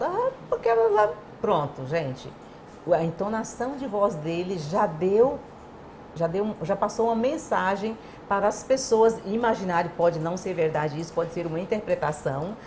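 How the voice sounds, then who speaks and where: A woman guest on an interview program, explaining communication in a lively way and acting out little dialogues. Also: mid-range voice, a little hiss or hum. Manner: animated, acts out quoted dialogue.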